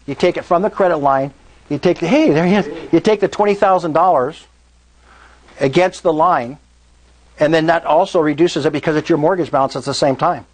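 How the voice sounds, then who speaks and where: Brisk and somewhat high-pitched, this man leads a real estate meetup in a meeting room, walking a live audience through his points. He keeps tossing in "right?" and "okay?" to make sure they follow.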